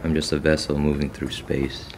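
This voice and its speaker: A man in his thirties giving a measured, contemplative scripted voice-over for a vlog. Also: extremely low pitch, level tone, a little mellow, a little hiss or hum. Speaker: vlogger. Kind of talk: scripted reflective voice-over narration.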